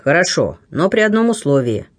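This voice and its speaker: A man's voice: fairly high pitch, big pitch swings, a little fast. A man reading the part of a blunt, kindly aging buccaneer who grumbles and teases. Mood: gruff warmth. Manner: grumbling, teasing, plain-spoken.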